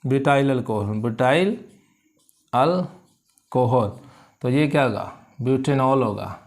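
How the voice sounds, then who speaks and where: A male chemistry teacher giving a classroom lecture. He keeps asking whether students follow and repeats key terms slowly so they can write them down. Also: mid-range voice. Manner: checks understanding with repeated questions; calls students "beta" warmly.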